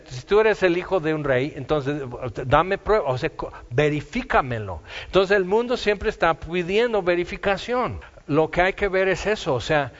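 Man preaching in a reverberant hall. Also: fairly high pitch. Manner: rhetorical questioning, conversational. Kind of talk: sermon. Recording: dull echoey hall.

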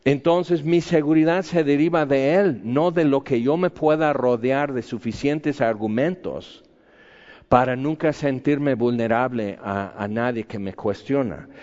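Argumentative preacher in an echoey hall. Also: male voice, medium pitch, a little slow, darkish tone. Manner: conversational, argumentative, full of rhetorical questions. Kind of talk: sermon. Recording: echoey hall, dull lo-fi sound.

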